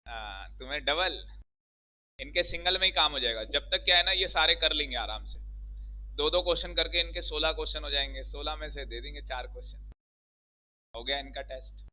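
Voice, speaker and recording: Male law teacher, very bright tone, slightly high, jokey with students, classroom mic. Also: moderate pace, poor audio. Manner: joking, teasing students, quizzing them. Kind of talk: classroom lecture with banter.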